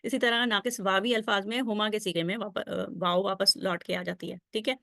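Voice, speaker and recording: A woman's voice: medium pitch, steady tone, vocal fry, bright, forceful tone, no room sound, clean studio sound. Patient woman teacher drilling conjugations. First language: Urdu. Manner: patient, drills conjugations aloud with frequent check-ins. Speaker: Arabic grammar teacher. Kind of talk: recorded slide lesson.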